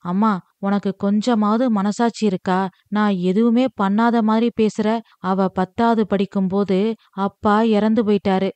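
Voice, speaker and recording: A woman voicing a grown son who bitterly protests over the family's debts, talking fast and exasperated. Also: mid-range voice, steady tone, darkish tone, no room sound, close to an everyday voice.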